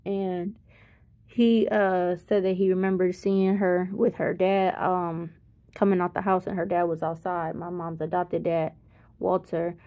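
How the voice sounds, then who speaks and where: A woman's voice: on the low side, flat delivery, unhurried, dark tone. A tired woman in her thirties tells a family story in casual, rambling talk. She corrects herself often and chuckles partway through sentences. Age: 30s. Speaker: vlogger. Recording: slightly dull lo-fi sound.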